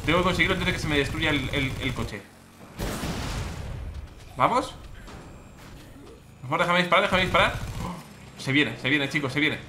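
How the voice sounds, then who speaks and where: A man with a Spain Spanish accent doing let's play commentary as a gaming YouTuber, excitable and exclamatory, often repeating his words. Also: on the high side, moderate pace, pauses often, background noise.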